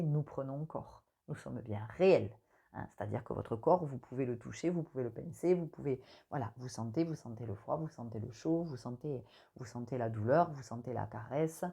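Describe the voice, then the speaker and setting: A woman giving a spiritual monthly guidance talk, explaining slowly with frequent hesitations and fillers. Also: a bass voice, dark tone. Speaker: spiritual channel guide.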